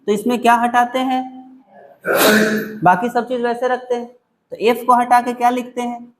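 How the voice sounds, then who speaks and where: A male teacher, taking students through spelling in an exam-prep English class, repeating words slowly syllable by syllable. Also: extremely high pitch, flat delivery.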